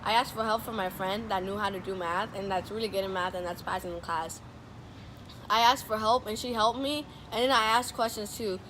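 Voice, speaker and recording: A woman's voice: mid-range voice, fairly even intonation, brisk, a bit bright. A young woman, a student, giving an informal, earnest personal speech in a conversational storytelling way. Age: teenage to young adult student. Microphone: distant microphone. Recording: distant mic, clearly noisy urban background.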